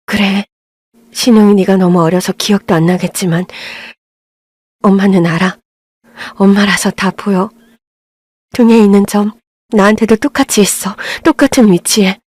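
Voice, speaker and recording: A woman doing a middle-aged mother in an audio drama who speaks softly and tenderly, close to tears. The sound is dry and close-miked. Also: medium pitch, fairly even intonation, normal speed, pauses often, no room sound, close to an everyday voice. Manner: soft, tender and emotional.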